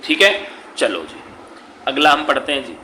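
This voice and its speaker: A man's voice: mid-range voice, expressive, normal speed, sharp tone. A man teaching Sanskrit, walking students through an exam paper, who patiently repeats each point, asks his own questions and answers them, and calls the students "beta". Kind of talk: classroom-style exam paper walkthrough. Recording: echoey room with faint background noise.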